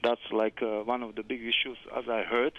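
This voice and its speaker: Man from bosnia on the phone, halting, kinda muffled lo-fi line. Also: medium pitch, level tone. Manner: halting, searches for words. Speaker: caller.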